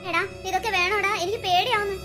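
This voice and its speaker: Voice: extremely high pitch, fairly even intonation, fast talker, music in the background. A performer voicing a nervous but sensible young male friend who coaxes and makes dry, sarcastic remarks. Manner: coaxing, worried, dryly sarcastic.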